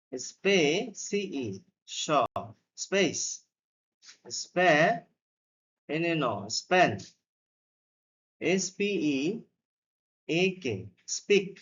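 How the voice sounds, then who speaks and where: A man's voice: high-pitched, fairly bright tone, breathy edge, highs cut off. A man teaching a beginners' spelling lesson. He spells each word letter by letter, then sounds it out syllable by syllable. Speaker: phonics teacher.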